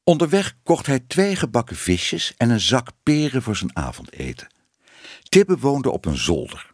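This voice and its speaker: A man's voice: mid-range voice, wildly swooping pitch, measured pace, darkish tone, no echo, studio quality. A man reading a children's story aloud as narrator, voicing the characters expressively.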